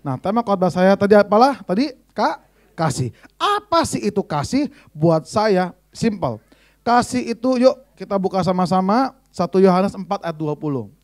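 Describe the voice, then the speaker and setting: A man with a fairly high voice preaching a sermon. He talks in a chatty, teasing way, tells funny stories and keeps putting questions to the congregation. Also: expressive, moderate pace. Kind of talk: sermon with humorous anecdotes.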